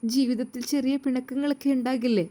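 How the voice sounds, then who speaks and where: A shy, tender young bride from a storybook, played by a woman narrator. She answers in short, soft, raised tones with a mellow warmth. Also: high-pitched, expressive, brisk, voice pushed up.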